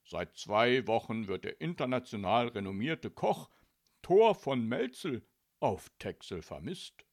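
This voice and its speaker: Indignant grumbling young man, lively intonation, played by a man. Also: medium pitch, measured pace.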